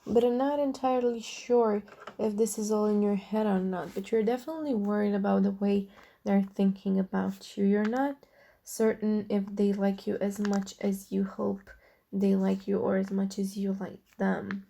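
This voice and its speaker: Young female tarot vlogger, gravelly low-bright tone, chatty and earnest, voice going hoarse. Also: level tone, normal speed. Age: young adult. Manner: chatty, earnest, addresses viewers directly. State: losing her voice. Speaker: tarot reader. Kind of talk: casual tarot reading vlog.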